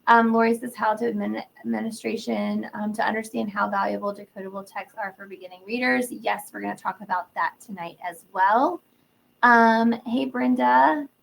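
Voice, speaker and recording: In an indoor room, a webinar host who teaches literacy greets each attendee by name in a casual, upbeat manner despite a cold and sore throat stealing her voice. Her mid-range voice is a bit bright yet gravelly and husky, and the audio quality is poor.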